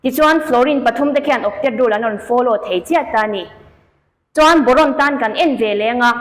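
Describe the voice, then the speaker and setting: A woman's voice: sits high, big-room sound, poor audio. A woman teacher working through exam questions, listing and explaining each answer option in turn. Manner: explanatory, lists options one by one. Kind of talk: exam question walkthrough lesson.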